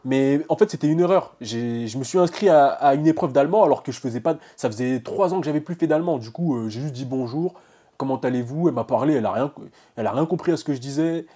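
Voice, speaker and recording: A young man vlogging his exam results, nervous and excited, stumbling over his words and restarting his sentences. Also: medium pitch, fast. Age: young adult. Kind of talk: casual vlog reaction.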